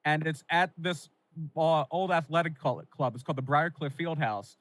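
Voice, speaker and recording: Speaking at a normal pace in a fairly high, slightly bright voice, a man co-hosts a laid-back wrestling podcast. He's from Pennsylvania and wanders through nostalgic tales full of fillers, captured on poor audio.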